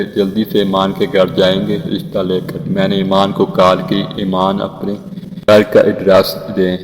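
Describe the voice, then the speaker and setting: A man narrates an emotional moral story in the first person, slow and solemn. His voice sits very low and hardly moves in pitch, even through the quoted dialogue. A long reverb trails after his words. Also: creaky.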